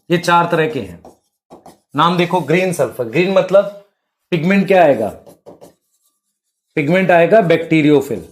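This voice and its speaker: A male biology teacher, explaining at the board and quizzing students with rhetorical questions. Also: a little high. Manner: addresses students as beta and bhai.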